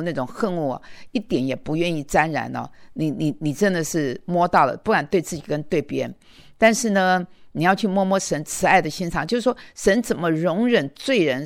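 A woman's voice: lowish voice, dry recording, studio quality. A woman in her sixties preaching in a conversational way, telling a personal story with many fillers and repeated words. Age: 60s. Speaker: lay preacher. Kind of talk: testimony sermon.

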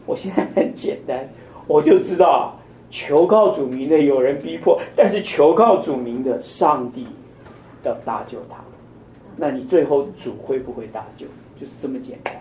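A man's voice: fairly high pitch, normal speed, mellow, slight background noise. An older man teaching a conversational Bible study, asking his listeners many questions. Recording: echoey room, mic at a distance.

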